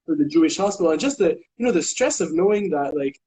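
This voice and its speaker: A man's voice: a little high, animated, quick pace, warm tone, a little hiss or hum, rough recording. A young man from Quebec co-hosting a casual chat, hesitant with many fillers and restarts. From Quebec, Canada. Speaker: co-host.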